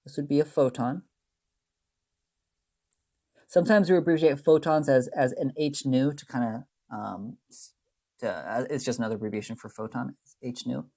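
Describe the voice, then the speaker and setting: In this recorded chemistry lecture, a male instructor with a medium-pitched, creaky, dark-toned voice moves at a moderate pace and leaves long pauses. His walk through the slides is loose and wandering, peppered with tag questions and mid-sentence self-corrections, and he downplays the math.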